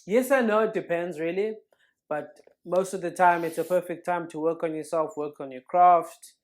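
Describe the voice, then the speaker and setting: Easygoing young man, podcast co-host, jokey and relaxed. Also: high-pitched, normal speed. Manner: laid-back, joking. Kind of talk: casual chat.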